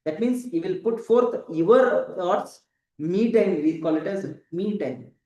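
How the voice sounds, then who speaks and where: A roomy, slightly distant recording carries a man with an Indian accent and a fairly high voice. He teaches in a classroom lecture style, restating points and tossing out short check questions. His tone is on the mellow side. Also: slow pace. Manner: didactic, repeats points, frequent check questions like "correct?" and "right?". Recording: roomy echo, voice distant from mic.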